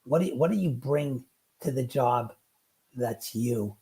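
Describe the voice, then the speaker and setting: Gravelly man with dry asides. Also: medium pitch, expressive, unhurried, mellow, slight background noise. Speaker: podcast co-host. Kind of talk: casual chat.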